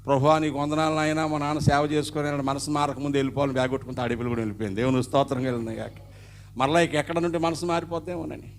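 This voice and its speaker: A middle-aged man, a pastor, preaches an emotional sermon in a fairly high voice. He moves between raised, urgent passages and quiet, hushed ones. A faint hiss of ambient noise sits under his voice. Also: fairly even intonation, very fast. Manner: emotional storytelling, swings from loud to hushed. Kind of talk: sermon with personal testimony.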